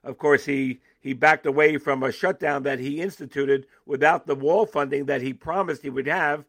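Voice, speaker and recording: Guy breaking down politics on a radio interview, kinda high voice, keeps restarting, gets emphatic. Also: steady tone, normal speed, fairly bright tone. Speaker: political analyst guest.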